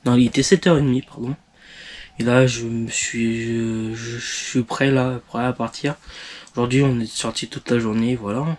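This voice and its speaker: A man recording a casual video diary, talking in halting bursts full of restarts and fillers. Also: mid-range voice, little pitch movement. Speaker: vlogger.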